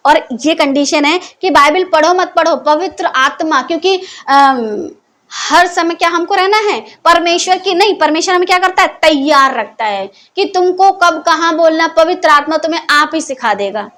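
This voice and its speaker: Woman Bible teacher, high voice, conversational, fires off questions and answers them herself, scolding edge. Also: normal speed, fairly bright tone. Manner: keeps posing questions to listeners, then answers them. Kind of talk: Hindi Bible teaching talk.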